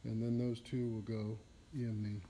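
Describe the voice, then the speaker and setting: A man with a Southern US accent gives a casual walkthrough of a large indoor RV repair shop, explaining the technical work plainly with some fillers. His voice sits on the low side, level and mellow, and a little slow. There's a faint hiss or hum in the recording.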